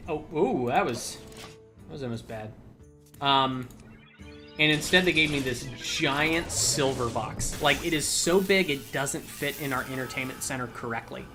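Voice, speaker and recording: A man's voice: mid-range voice, a little slow, music in the background. A young man chatting casually while playing a card game, telling a long story with lots of fillers and restarts. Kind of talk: casual let's-play chat.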